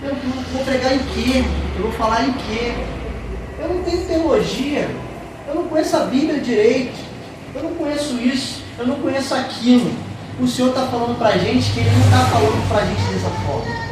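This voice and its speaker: Brisk and high-voiced, a woman delivers an emphatic, repetitive sermon in church. The sound comes from a distance in an echoey church hall and is noisy.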